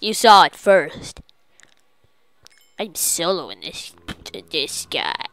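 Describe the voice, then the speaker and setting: A woman doing silly, excitable let's play commentary as she plays a game. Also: lowish voice, extremely slow, no room sound. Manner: silly, goofy, excitable, jokey. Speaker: gaming channel host.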